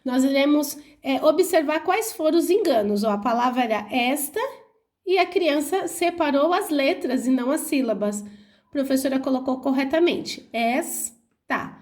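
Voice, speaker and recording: A young adult woman teacher with a Brazilian Portuguese accent, slowly and clearly explaining workbook answers to her pupils. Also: high voice, expressive, a little mellow. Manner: slow, clear, didactic, spelling out syllables. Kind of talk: reading and explaining a school workbook.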